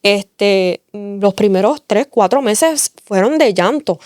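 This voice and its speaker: A woman's voice: mid-range voice, expressive, slow, darkish tone, no room sound, studio quality. A woman, a guest on an interview, giving an earnest faith testimony and telling her story with repeated phrases for emphasis.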